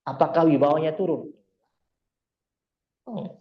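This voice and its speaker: Male preacher, casual lively sermon, slightly high pitch. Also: unhurried, dull audio. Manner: lively storytelling, acts out quoted voices. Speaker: Islamic preacher. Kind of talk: casual Jakarta-style sermon.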